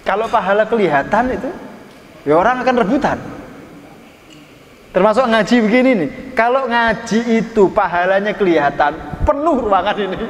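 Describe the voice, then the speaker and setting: A man's voice: high voice, lively intonation, moderate pace, a little hiss or hum. A man preaching a sermon, telling folksy stories and teasing his listeners. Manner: folksy storytelling, teasing the audience. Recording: echoey hall from far off.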